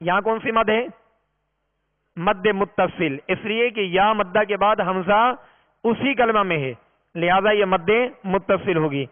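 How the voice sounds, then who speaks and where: A man gives a measured recitation lesson, explaining each rule patiently and stretching the long vowels. The sound is thin and phone-like, with a long reverb tail trailing his words. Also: high voice. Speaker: Quran reading teacher. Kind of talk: recorded tajweed lesson. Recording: tinny, reverberant lo-fi recording.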